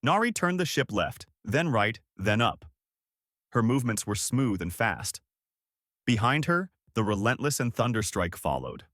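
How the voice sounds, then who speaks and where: A man narrating a science-fiction story in a steady, expressive reading. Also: mid-range voice, unhurried, no echo, clean studio sound.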